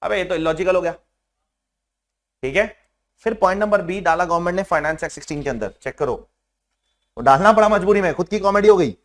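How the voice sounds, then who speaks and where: A man's voice: high voice, fairly quick, long pauses, a bit bright. A young man teaching a tax law class, mixing in English terms and constantly prodding his students to answer. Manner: mixes Hindi with English terms. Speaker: tax lecturer. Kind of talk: classroom lecture. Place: classroom with online students joining.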